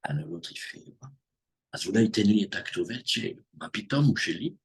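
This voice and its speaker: A man's voice: fairly low pitch, a little fast, gravelly, slightly rough. A man teaching a live Talmud class to students, acting out the characters' lines as he explains. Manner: animated, acts out the characters' lines.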